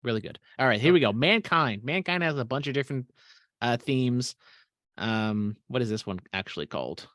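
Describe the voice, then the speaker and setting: A man co-hosting a casual podcast, talking loosely and swearing freely. His voice sits at an ordinary pitch and often fades out at the ends of his remarks. The recording is close and dry, with no room sound. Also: lively intonation, normal speed, fairly bright tone, no room sound. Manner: casual and profane, trailing off into mumbles. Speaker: podcast co-host. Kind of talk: casual chat.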